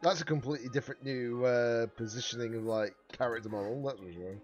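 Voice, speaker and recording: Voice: mid-range voice, normal speed, lo-fi sound, over music. A streamer giving casual reaction commentary on a game.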